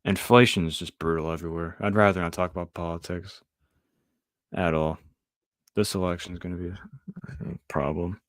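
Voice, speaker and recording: A man's voice: low-pitched, steady tone, normal speed, long pauses, dry recording, studio quality. A young man hosting a podcast, chatting casually with his live viewers and answering the chat. He drifts between questions and trails off into mumbled asides. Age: young adult. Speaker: podcast host.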